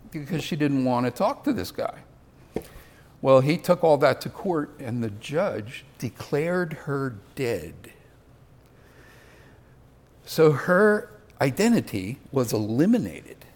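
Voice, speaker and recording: An older man giving a conversational sermon, with self-deprecating asides. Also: medium pitch. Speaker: preacher.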